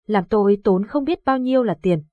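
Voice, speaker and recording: A woman reading the lines of a grieving old village father in a horror audiobook, with a husky voice. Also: mid-range voice, fairly quick, dry recording, narrow, tinny audio, natural voice. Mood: weary. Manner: pleading, distraught.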